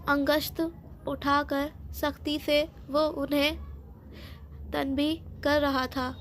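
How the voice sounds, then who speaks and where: Woman reading an audiobook novel, high voice, pretty flat, faint hiss. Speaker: audiobook narrator. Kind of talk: scripted novel narration.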